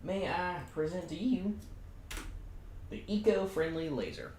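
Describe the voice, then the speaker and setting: A man's voice: high-pitched, big pitch swings, unhurried, darkish tone, voice pushed up, full character voice. Guy doing a valley girl mechanic gone a bit country, casual rpg character, echoey room. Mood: breezy, proud. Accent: valley girl with a country twang. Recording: roomy echo, faint background noise.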